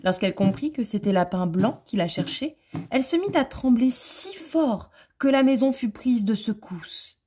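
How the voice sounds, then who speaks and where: A woman narrating a storybook aloud at a library in a calm, expressive way. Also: on the high side, moderate pace, husky.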